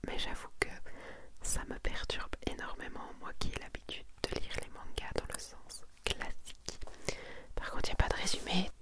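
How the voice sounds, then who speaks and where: As an ASMR host presenting a manga collection, a woman whispers in a breathy, intimate voice. Soft-spoken and unhurried, she shifts between reading aloud and casual commentary.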